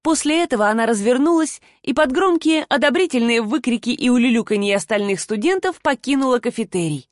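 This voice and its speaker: A woman reading a novel aloud in steady, even scripted narration. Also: a little high, a little fast, few pauses, dry recording, studio quality. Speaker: audiobook narrator.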